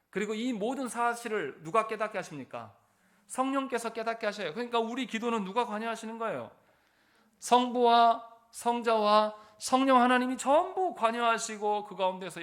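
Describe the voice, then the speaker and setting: A man with a high-pitched voice preaches a Sunday sermon in a church. He puts rhetorical questions to his listeners and answers them himself. His force swells and drops as he drives each point home. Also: fairly bright tone. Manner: emphatic, rising and falling in force. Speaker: pastor.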